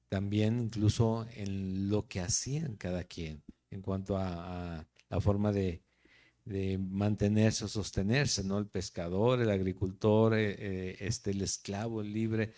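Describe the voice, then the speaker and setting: A pastor from Guadalajara in Jalisco, Mexico, speaks with a Mexican Spanish accent in a lowish, warm voice. He works through the Bible verse by verse, keeping it conversational and regularly checking on his audience.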